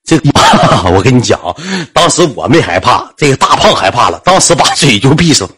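Lively Northeastern Chinese male storyteller. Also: mid-range voice, brisk, husky. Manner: lively, colloquial, acts out voices. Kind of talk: comic storytelling.

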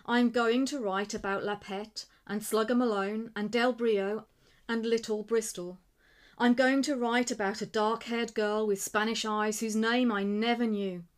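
A woman reading the part of an eager young man who wants to be a writer, talking with rising excitement. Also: high-pitched, clear, resonant tone. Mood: excited. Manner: excited, quick, rising with enthusiasm.

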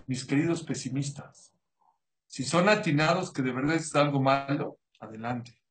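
A man giving a sermon as a rabbi, animated, acting out the voices he quotes. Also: mid-range voice, normal speed, low-quality recording.

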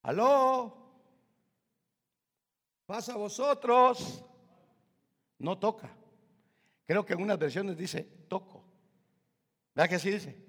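A man from Guatemala with a Guatemalan Spanish accent, preaching a fervent sermon in a church. He swings from shouted calls to hushed whispers and keeps addressing his listeners as brother. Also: high-pitched, unhurried, long pauses, slightly rough. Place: church hall. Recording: long reverb of a large hall.

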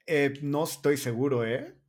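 A man's voice: on the high side, a little slow, darkish tone. A young man, co-hosting a casual podcast, playful and rambling with hesitant restarts. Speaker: podcast co-host. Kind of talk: casual chat.

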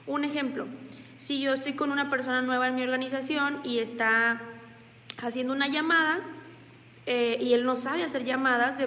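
A woman's voice: sits high, a bit bright, echoey room, in a large hall, slight background noise. A woman with a Mexican accent giving a chatty motivational talk as a network marketing coach, recorded at home, acting out little dialogues as she goes. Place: at home in pajamas.

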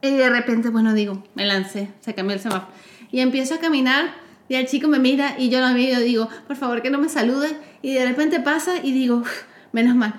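A woman's voice: high voice, fairly quick. A woman telling a funny story in casual chat, laughing as she talks. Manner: animated, laughs while telling stories. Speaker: podcast co-host. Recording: echoey room.

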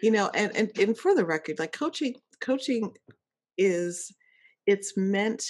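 A woman's voice: mid-range voice, lively intonation, measured pace. A woman coach hosting an interview, encouraging and repeating key phrases for emphasis. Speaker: life coach and podcast host.

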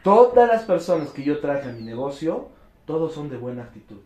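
A man giving a motivational talk about network marketing to an audience, animated and acting out quick bits of dialogue. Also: fairly high pitch, reverberant.

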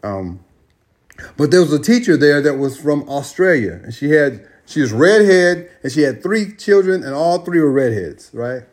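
Recording a voice message while traveling in Australia, this man from the United States rambles loosely through a casual monologue, repeating phrases and correcting himself along the way. His voice is fairly high in pitch, expressive, and moderately paced, with an American accent.

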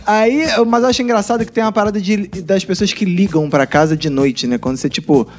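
A man from Rio chatting on a comedy podcast, jokey and quick to swear. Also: high-pitched. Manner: rapid, profane, jokey. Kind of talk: casual comedic chat.

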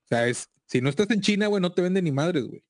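Mexican man, higher-pitched, laddish slangy bro chatting casually, very dry recording. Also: lively intonation, fast talker, dry recording. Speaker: video game collector. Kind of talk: casual chat.

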